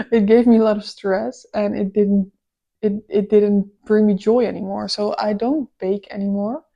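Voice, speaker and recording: A woman's voice: medium pitch, mellow. A thirty-year-old woman, chatting casually and reflectively to camera in a rambling, self-deprecating way, laughing often. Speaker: vlogger.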